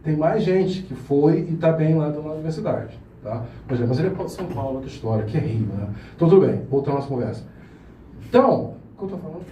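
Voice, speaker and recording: A man who is a pianist, telling a story to a live audience in an animated, laughing way and acting out the voices he quotes. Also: a little high, fast talker, slight background noise. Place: room with a small audience. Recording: echoey room, mic at a distance.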